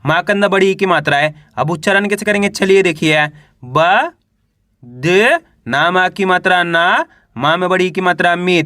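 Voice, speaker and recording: A man teaching a reading lesson, slowly spelling out words syllable by syllable and then blending them, with frequent drill questions to the viewer. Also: high voice, pushed and bright, dry recording, clean studio sound. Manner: slow syllable-by-syllable spelling with drawn-out vowels; repeats "how will we read it?" drills.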